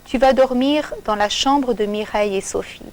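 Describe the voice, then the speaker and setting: A woman's voice: fairly high pitch, moderate pace, a little mellow, close to an everyday voice. A welcoming father of four greets a guest in a storybook, read by a woman in her own voice. His words come plainly and kindly.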